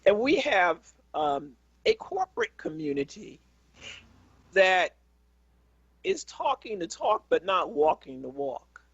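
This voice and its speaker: A woman hosting a radio talk show, giving deliberate commentary with frequent pauses. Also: medium pitch, huge pitch swings, dry recording. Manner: deliberate, gravelly, pausing with ums. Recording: dry, slightly dull studio mic.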